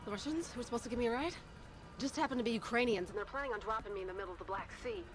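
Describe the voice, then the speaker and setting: A woman playing a tough, wary female agent in a low-budget film, talking bluntly and sarcastically over loud music. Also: very fast, natural voice. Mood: annoyed.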